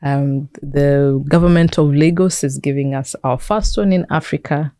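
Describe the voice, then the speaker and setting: A woman with a Kenyan accent and a deep, dark-toned voice speaks at a moderate pace as an interview guest. She is a tech entrepreneur and founder, explaining things conversationally with examples and emphatic repetition. The recording is clean studio sound with no echo.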